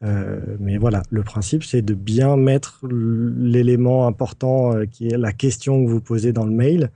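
Dark-voiced man explaining step by step. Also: medium pitch, steady tone, a little slow, dry recording. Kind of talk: casual explanation.

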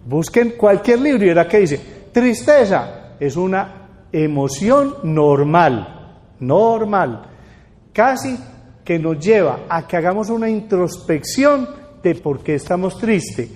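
Older male lecturer, high-pitched, lively and chatty, reverberant hall. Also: takes it slowly. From Colombia. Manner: lively, asks the audience rhetorical questions. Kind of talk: public talk to an audience.

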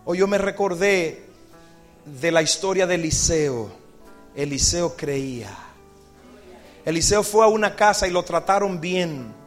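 A man's voice: high voice, unhurried, pauses often, faint music behind. A male pastor preaching an evangelistic sermon, telling the story dramatically and putting questions to the congregation. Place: church service with congregation.

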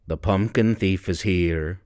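A man's voice: sits low, slow pace, darkish tone, clean tone, dry recording, clean studio sound, pitched below the performer's own voice. A man voicing a menacing Halloween creature that steals pumpkins, with a theatrical, demanding delivery.

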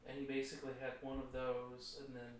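A man's voice: medium pitch, monotone, fairly quick. A man chatting in a writing group, rambling with many fillers. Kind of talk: casual group chat. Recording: very echoey, distant, faint hiss.

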